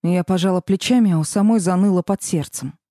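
A woman's voice: lowish voice, brisk, warm tone, no room sound, studio quality. A woman narrating a first-person fantasy audiobook in a wry, sardonic manner.

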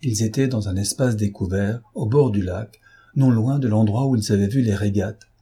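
A man narrates a classic novel in a low voice with a dark, mellow tone. There is a husky grain to it. His storytelling is calm and even. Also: normal speed. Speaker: audiobook narrator. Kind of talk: scripted narration.

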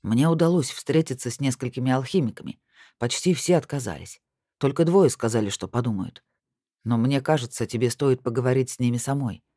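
A reader voicing a reserved, weary male alchemist with a hoarse, low voice, in an audiobook. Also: a little fast, mellow, no echo, clean studio sound. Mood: matter-of-fact. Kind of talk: audiobook dialogue.

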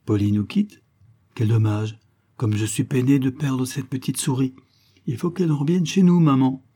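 A man's voice: mid-range voice, moderate pace, dark tone, voice pushed up, natural voice. A man playing a good-humoured sixteen-year-old boy in an audiobook, breezy and offhand. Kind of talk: audiobook character voice.

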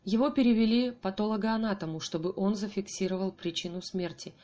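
A woman reading an audiobook voices a calm, sympathetic male surgeon who speaks in a measured, soothing way. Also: medium pitch, highs cut off, lightly acted.

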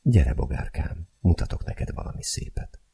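A male audiobook reader voicing a passionate, headstrong young woman in a soft, breathy way. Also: extremely low pitch, very animated, full character voice. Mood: tender.

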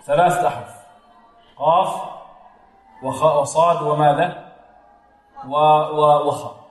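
A man teaching Quranic recitation rules. He asks questions, answers them himself, and chants slow, drawn-out examples. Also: on the high side. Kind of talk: tajweed lesson with recited examples. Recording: echoey hall recording.

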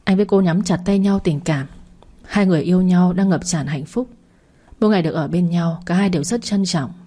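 A woman narrating a scripted family drama story in a steady, measured way. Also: lowish voice.

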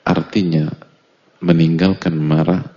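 A man's voice: sits low, flat delivery, slow pace, warm tone. A middle-aged man, an Islamic preacher, giving a casual study lecture to an audience. He talks in a conversational way, asks rhetorical questions, and recites Arabic phrases before explaining them. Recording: reverberant hall, dull lo-fi sound.

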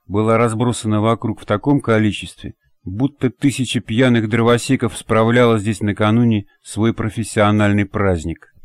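A man narrating an audiobook in a steady, measured reading. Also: on the low side, dry recording, studio quality. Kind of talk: scripted narration.

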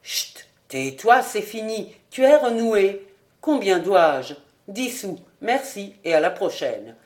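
Woman doing gruff burly male bonesetter, brusque, commanding, rustic, audiobook. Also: medium pitch, sing-song, takes it slowly, a little mellow.

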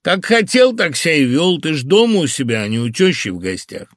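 A man doing a gruff surly builder. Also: medium pitch, animated, moderate pace, no echo, studio quality, pitched above the performer's own voice, lightly acted. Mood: scornful. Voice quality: gruff, curt and contemptuous. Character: gruff surly male builder friend, middle-aged.

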